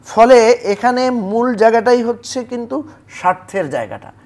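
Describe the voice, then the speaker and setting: High-voiced man arguing on a talk show. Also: lively intonation, moderate pace, a little mellow. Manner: argumentative, rhetorical questions. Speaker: talk show guest, party leader. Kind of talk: political talk show debate.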